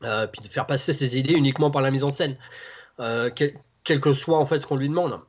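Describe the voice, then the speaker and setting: A man hosts a relaxed film discussion over a slightly muffled line. He hesitates often and fills gaps with small sounds as he speaks. The tone is loose and conversational. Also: medium pitch, a little fast. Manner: hesitant, many fillers. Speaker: host. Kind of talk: casual film podcast chat.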